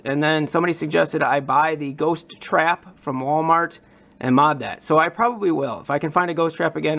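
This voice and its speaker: In a fairly high, slightly bright voice, a man walks through a prop modding demo for his hobby vlog. His tone is casual, enthusiastic, and explanatory.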